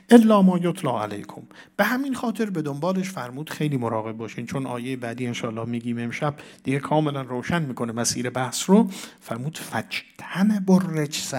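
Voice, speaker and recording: A man's voice: medium pitch, darkish tone. A man giving a religious lecture on a Quran verse, reciting Arabic verses and putting questions to his listeners that he answers himself. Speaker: cleric teaching Quran commentary.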